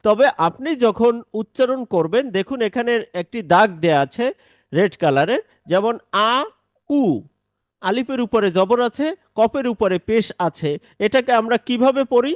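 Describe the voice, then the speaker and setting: A man teaching Quran recitation in a live online lesson, patiently explaining step by step and drawing out examples slowly. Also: extremely high pitch, expressive, dry recording. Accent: Bangladeshi Bengali.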